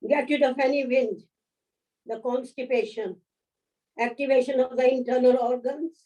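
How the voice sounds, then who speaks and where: A woman leading a yoga class, giving gentle, unhurried instructions, counting holds and offering encouragement. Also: sits high, fairly even intonation. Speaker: yoga teacher. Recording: voice from a distance off the mic.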